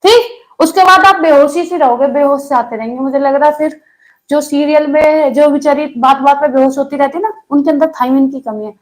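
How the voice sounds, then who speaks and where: A woman's voice: high-pitched, steady tone, a little fast. A young woman teaching an online exam-prep lesson in a chatty way, teasing her students with jokes.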